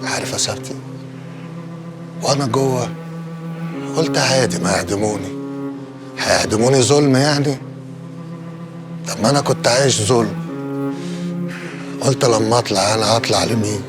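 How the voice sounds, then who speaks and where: Picture a jumpy, jealous Egyptian man in a TV drama, quick to tease and flare up. His voice sits high and his words tumble out fast. A music score plays underneath. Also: expressive. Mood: tender. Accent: Egyptian Arabic. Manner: teasing, mocking, quick to flare up. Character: excitable, jealous man just cleared of a charge. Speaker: freed defendant. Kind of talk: TV comedy-drama acting.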